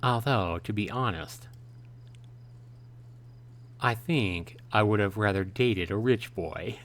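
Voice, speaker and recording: This lower-voiced male streamer reads a visual novel aloud slowly during a live play-through he hosts. After each bit of dialogue he paraphrases and reacts off the cuff in a casual way.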